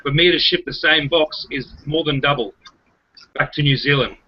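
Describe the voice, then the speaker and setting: Blunt aussie guy joking around, voice a bit high, kinda muffled. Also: moderate pace. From Australia. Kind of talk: casual chat.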